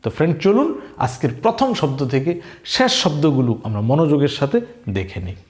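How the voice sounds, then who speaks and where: A man with a Bangladeshi accent teaching English, slowly spelling words letter by letter and quizzing his viewers. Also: fairly high pitch, big pitch swings, a little mellow. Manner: slow, repetitive teaching, spells words letter by letter and asks questions. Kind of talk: spoken language lesson. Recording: echoey room.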